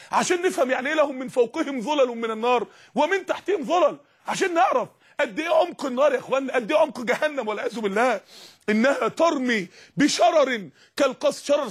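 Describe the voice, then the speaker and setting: A man with an Egyptian Arabic accent preaching a sermon in an impassioned voice that rises to shouts. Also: very high voice, husky.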